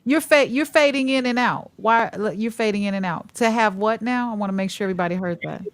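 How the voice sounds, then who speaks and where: A woman's voice: medium pitch, quick pace. A woman hosting a talk show, chatting effusively with rambling, enthusiastic questions. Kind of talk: casual interview chat.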